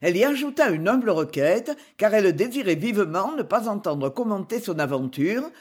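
A woman's voice: medium pitch, sing-song, normal speed, darkish tone, husky. A woman narrating a novel in an audiobook, reading expressively.

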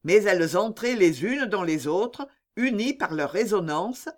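Audiobook narrator, classic novel, measured and steady. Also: medium pitch.

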